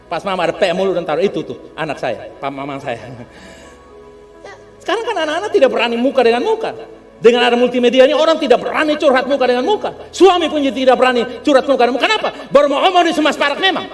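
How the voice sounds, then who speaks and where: A man preaching a humorous, animated sermon, calling on the congregation to respond. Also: extremely high pitch, rapid-fire. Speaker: pastor. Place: church hall. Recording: long church hall reverb with faint music.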